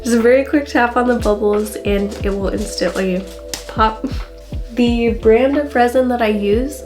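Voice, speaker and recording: A woman's voice: on the high side, a little slow. A woman hosting a casual hobby tutorial in a playful, rambling way. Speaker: hobby craft host. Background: music.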